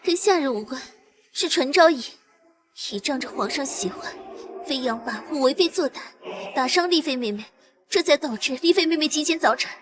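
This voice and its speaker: An actress playing a scheming, haughty imperial noble consort in a period costume drama, cold and commanding. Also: female voice, high voice, lively intonation, normal speed. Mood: accusing.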